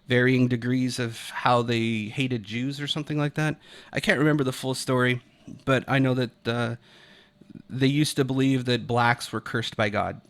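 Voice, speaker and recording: A mid-range-voiced American man from Utah offers unscripted, opinionated commentary on video, emphatic and argumentative, with casual profanity.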